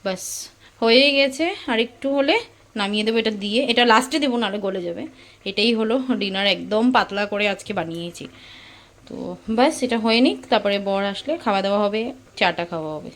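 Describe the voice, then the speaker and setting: A woman's voice: mid-range voice, normal speed, poor audio. A young woman from India chatting to her viewers while cooking in her home kitchen for a casual vlog. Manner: chatty, talks straight to viewers. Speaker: vlogger.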